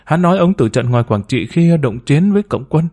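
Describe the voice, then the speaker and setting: A man's voice: fairly high pitch, animated, brisk, warm tone. A man voicing a timid, humble woman of about forty who speaks deferentially, hesitant and pleading.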